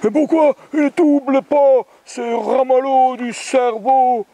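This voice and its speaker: A man's voice: extremely high pitch, steady tone, slow, dark tone, dry recording, heavily acted. A man storyteller voicing, in fireside-storytelling manner, an exasperated male driver who sputters indignant questions.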